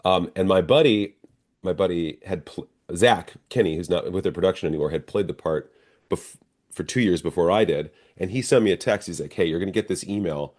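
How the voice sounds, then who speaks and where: As a guest in a casual interview, a middle-aged American stage actor shares stories, now and then voicing the dialogue of the people in them. His voice is low, a little mellow and a little fast.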